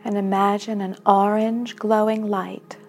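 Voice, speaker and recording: A woman narrating a guided meditation in a soft, soothing manner with long pauses between phrases. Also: mid-range voice, flat delivery. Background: background music.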